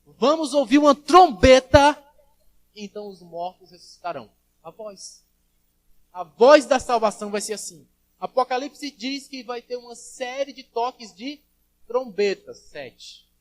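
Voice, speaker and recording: Male pastor, high voice, church sermon, loud and soft by turns, acts out quoted voices. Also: a little slow. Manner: preaching with big swings in loudness, acting out quoted voices. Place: church service.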